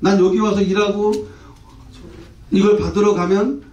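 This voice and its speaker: A male pastor delivers a lively sermon, tossing playful rhetorical questions at the congregation. His voice is high-set but mellow in tone. It carries through an echoey church hall and is caught from a distance on a dull, muffled recording. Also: normal speed.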